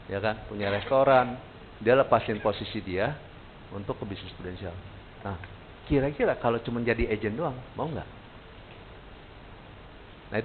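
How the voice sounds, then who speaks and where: A man leads a training session in a relaxed, conversational way. He keeps turning questions back to his listeners. The recording sounds thin and tinny, with a light hiss under it. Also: medium pitch. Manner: casual, animated, quizzes the audience. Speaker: sales trainer. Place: training room.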